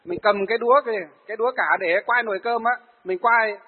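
A man in his forties, a Buddhist monk, preaching and acting out the people in his stories. His voice sits high for a man and sounds husky. The sound is narrow and phone-like, with a long hall reverb behind it. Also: quick pace. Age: 40s. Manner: storytelling, acts out the people he tells of. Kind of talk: sermon.

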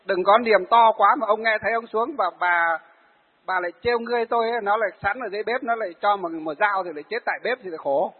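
A man in his forties, a Buddhist monk, preaching and acting out the people in his stories. His voice sits high for a man and sounds husky. The sound is narrow and phone-like, with a long hall reverb behind it. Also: fast talker. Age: 40s. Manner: storytelling, acts out the people he tells of. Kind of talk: sermon.

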